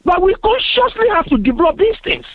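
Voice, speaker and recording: A Ghanaian man appears as a guest on a radio panel, making his case in a very high, very animated voice at a brisk pace. He is earnest and emphatic and repeats himself often, and the recording is dry and tinny like a phone line, with no room sound.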